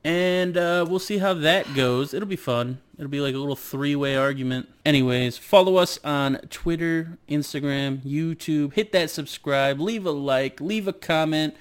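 Joking male podcast co-host, high-pitched. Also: normal speed, few pauses, smooth. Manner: joking, runs the segment and outro. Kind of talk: casual chat.

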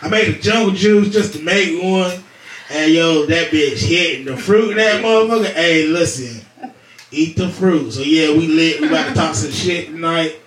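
Laid-back slang-heavy male host, slightly high voice, recorded far from the mic in a reverberant room. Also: moderate pace, fairly bright tone, slight background noise. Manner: laid-back slangy banter, swears freely. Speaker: podcast host. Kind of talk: casual chat.

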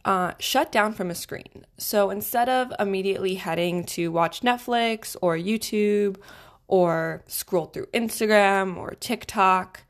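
A woman's voice: mid-range voice, unhurried. A young adult woman hosting a solo self-help podcast, giving advice in a tidy, organised way. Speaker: podcast host.

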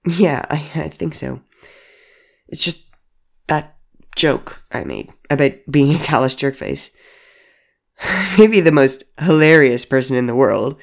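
C J is an eighteen-year-old who deflects with dry jokes and puts themself down, as a narrator puts them on. The voice is mid-pitched with a gravelly grain. The scenes come from a read-aloud story. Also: slow pace, long pauses. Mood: wry. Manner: wry jokes over hidden hurt. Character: self-deprecating young person named C J, age eighteen. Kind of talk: audiobook character voice.

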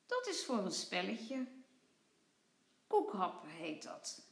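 A woman's voice: mid-range voice, huge pitch swings, slow pace, vocal fry, full character voice. A woman voicing a worried little boy. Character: shy anxious little boy at his birthday. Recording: echoey room.

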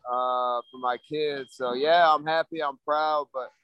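A man, a fighter, answering interview questions in a mellow, laid-back way with many fillers. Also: on the high side, fairly even intonation, unhurried, clean tone, dry recording, lo-fi sound. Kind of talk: casual interview.

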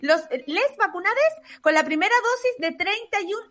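A woman voicing a fussy older spinster civil servant with a shrill Chilean voice, prim and indignant, on radio comedy. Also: lively intonation, normal speed, a bit bright. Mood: reporting. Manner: prim, indignant, asks "¿ah?" a lot.

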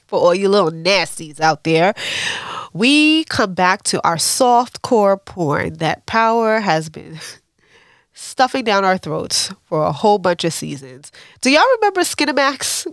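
A woman's voice: medium pitch, dry recording, clean studio sound. A woman hosting a podcast, recapping a TV episode in a candid, opinionated way and breaking off into rants with laughs. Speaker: podcast host.

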